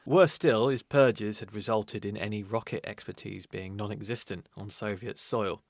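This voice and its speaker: A man co-hosting a podcast, narrating history in a steady, measured way. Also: lowish voice, no room sound. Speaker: podcast co-host. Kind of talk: reading history notes in casual podcast.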